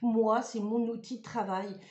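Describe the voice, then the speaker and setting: A chatty woman explaining things step by step, pausing often on fillers as she thinks aloud. Her voice sits a bit high, and the room around her rings with noticeable echo. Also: steady tone, darkish tone, lo-fi sound. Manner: chatty, hesitant, many fillers. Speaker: ritual practice vlogger. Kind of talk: casual spoken tutorial. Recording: roomy echoey room.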